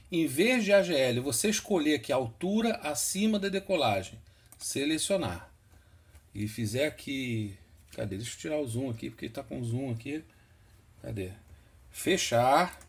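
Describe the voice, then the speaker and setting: A man giving a casual screen-share tutorial, patient and repetitive, often checking in with the listener. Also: fairly high pitch. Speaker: instructor explaining flight instruments.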